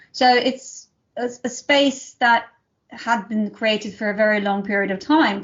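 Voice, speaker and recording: A woman from Serbia, hosting an interview and asking long, winding, eager questions. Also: mid-range voice. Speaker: podcast host. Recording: slightly dull audio.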